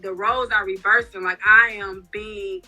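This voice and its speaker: A woman's voice: mid-range voice, fairly even intonation, moderate pace, sharp tone, soft background music, poor audio. A woman guest in a casual interview, talking candidly with lots of fillers while wearing retainers that affect her speech. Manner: chatty and candid, lots of "you know" fillers. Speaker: guest, reality TV cast member.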